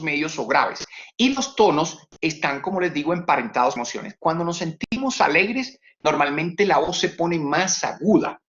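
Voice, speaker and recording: Animated male webinar trainer, muffled sound. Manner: animated, swings pitch high and low to demonstrate tone; repeats words for emphasis. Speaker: communication trainer. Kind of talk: webinar lecture.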